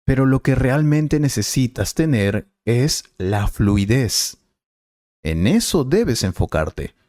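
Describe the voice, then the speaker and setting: A man as a Spanish teacher, explaining clearly and patiently in a scripted lesson dialogue. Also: mid-range voice, very animated, takes it slowly, darkish tone, dry recording, clean studio sound.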